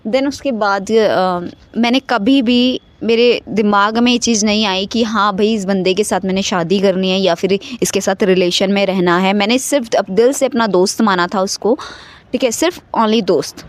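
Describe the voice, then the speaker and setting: A woman's voice: mid-range voice, normal speed. A young woman casually telling a personal story into her phone, chatty and mixing English words into her talk, often checking in with "okay". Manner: chatty, mixes in English, keeps saying "okay". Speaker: vlogger.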